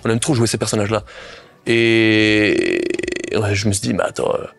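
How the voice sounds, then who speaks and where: A man with a Belgian accent chatting in an interview, animated and rambling, with constant little asides. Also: lowish voice, moderate pace, gravelly. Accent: Belgian French. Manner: animated, rambling, frequent "tu vois". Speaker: guest, content creator. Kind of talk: casual interview chat.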